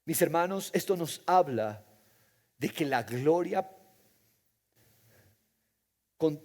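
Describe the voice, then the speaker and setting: A male pastor preaching a sermon, swinging from loud proclamation to hushed, soft passages. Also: a little high, expressive, slow. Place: church sanctuary. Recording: long hall reverb.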